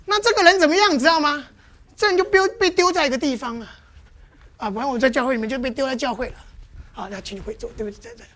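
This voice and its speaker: Woman, high voice, church teacher, quizzes listeners over and over, playful demonstrations. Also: very fast, a bit bright. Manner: constantly quizzes the audience with questions.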